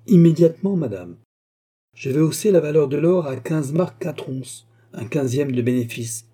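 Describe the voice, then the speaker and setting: A man voicing a smooth, scheming royal finance minister who speaks in a courtly, assured manner. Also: fairly high pitch, expressive, normal speed, warm tone, pitched above the performer's own voice.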